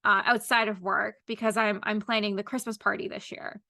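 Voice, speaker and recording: A woman's voice: medium pitch, little pitch movement, brisk, vocal fry, sharp tone, no echo, studio quality. A woman in her thirties hosting a casual chat podcast, rambling with lots of fillers. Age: 30s. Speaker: podcast host.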